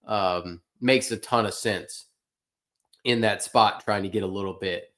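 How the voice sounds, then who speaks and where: A man's voice: fairly low pitch, a little slow, fairly bright tone. A man hosting a casual fantasy sports livestream, talking loosely and bluntly and answering his chat, a little tired and yawning. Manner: loose, opinionated, talks to chat.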